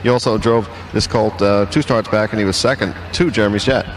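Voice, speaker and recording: A man interviewing a winning driver in the winner's circle, asking quick conversational questions into a handheld mic. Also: on the low side, fairly even intonation. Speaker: trackside interviewer. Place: outdoor racetrack winner's circle at night. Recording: noisy outdoor broadcast.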